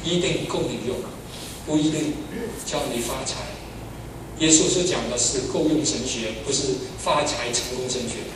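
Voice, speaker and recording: An older man preaching as a pastor, an animated storyteller who swings from loud exclamations to soft asides. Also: mid-range voice, normal speed. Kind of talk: sermon with personal stories. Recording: echoey hall, far from the mic, noisy.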